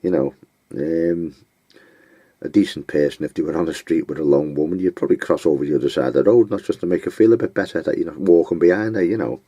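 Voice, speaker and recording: A man giving advice in an unscripted monologue, blunt and scornful, with frequent pauses and filler words. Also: deep voice, dark tone, husky, no echo. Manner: blunt, scornful, name-calling; halting, with many fillers.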